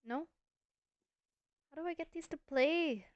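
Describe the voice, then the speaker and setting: A woman's voice: high-pitched, a little slow, dry recording, muffled recording. A woman hosting a casual gameplay video, chatty and thinking aloud with playful self-mockery. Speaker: Minecraft let's-play host.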